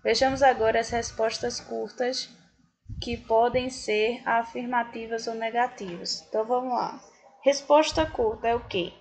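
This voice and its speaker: Brazilian woman, English teacher; husky, fairly high voice, unhurried and patient with her class. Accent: Brazilian Portuguese. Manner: patient, explanatory, addresses students directly. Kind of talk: recorded class lesson explaining grammar.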